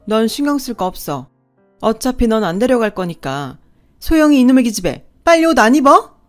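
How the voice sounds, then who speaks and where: A woman voicing a harsh stepmother who coldly scolds and shouts. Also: fairly high pitch, sing-song, normal speed, soft background music. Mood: cold, yelling. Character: harsh stepmother, cold and angry.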